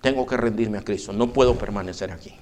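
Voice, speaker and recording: Quiet humbled priest, low and confiding, as a preacher puts him on. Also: male voice, fast, close to an everyday voice. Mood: hushed.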